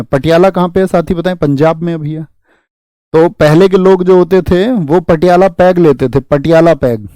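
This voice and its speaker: A young adult man teaching a general knowledge lesson for exam students, full of memory tricks and questions for the class. His voice is higher than most men's but mellow in tone. The recording is dry and close, with no room around him. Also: no room sound. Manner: chatty, tells anecdotes, asks the class questions.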